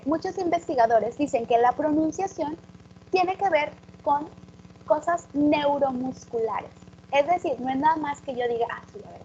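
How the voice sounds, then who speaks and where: A woman's voice: high-pitched, darkish tone, dull audio, slight background noise. A woman, an English teacher giving a public talk and explaining things directly to her audience.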